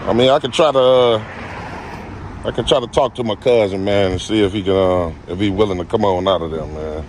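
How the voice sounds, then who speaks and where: Outdoors on a street, a man films officers making an arrest, speaking casually and informally, repeating himself and laughing in disbelief during the confrontational exchange. His voice is on the low side and fairly quick, with a little hiss or hum.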